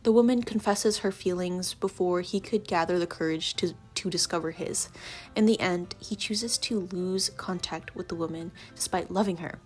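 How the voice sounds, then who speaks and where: A woman's voice: fairly low pitch, moderate pace, faint music behind. A young woman with a stuffy, congested voice from allergies, chatting earnestly through a casual book review vlog. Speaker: book vlogger.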